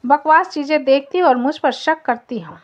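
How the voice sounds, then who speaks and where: A shy, reserved young husband who scolds gently, voiced by a woman narrator. The voice sits high and light. The audio is slightly dull and lo-fi. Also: normal speed, lightly acted. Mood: calm.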